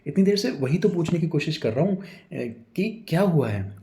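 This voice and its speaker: A man plays a sly, henpecked husband in a spoken story. He stammers and backpedals through nervous excuses. His voice sits a little above the narrator's own and keeps a dark, mellow color. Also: a little high, expressive, normal speed, pitched above the performer's own voice. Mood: flustered excuses. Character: flustered, sly middle-aged husband.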